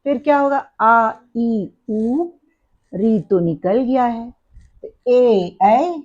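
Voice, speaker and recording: Slow, patient woman teaching a lesson. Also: on the high side, a little mellow. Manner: explains step by step, asks the class questions; counts items aloud and corrects her own slips. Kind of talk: exam-prep lesson. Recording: dull lo-fi recording.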